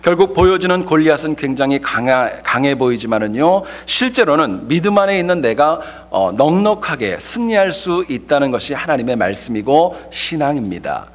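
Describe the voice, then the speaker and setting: A man preaching a Sunday sermon as pastor, telling light humorous stories in a lively way before turning to the scripture. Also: fairly high pitch, normal speed, few pauses. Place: church sanctuary.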